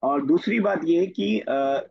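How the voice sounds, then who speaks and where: A man's voice: high voice, slow pace, vocal fry, slightly rough, highs cut off. A man teaching an online Arabic grammar class, explaining patiently and quizzing his students by name.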